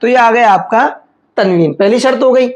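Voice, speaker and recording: A man's voice: very high voice, darkish tone, lo-fi sound. Patient male tajweed teacher. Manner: asks questions aloud and then answers them; slows right down to demonstrate recitation. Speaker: Quran recitation teacher. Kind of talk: step-by-step tajweed lesson.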